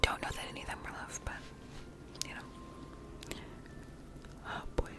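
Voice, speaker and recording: In her late teens, a young woman ASMR streamer whispers near a studio mic set close in front of her, at a measured pace. She's indoors in a bedroom full of plush toys, reading chat messages aloud and whispering her replies during a live stream.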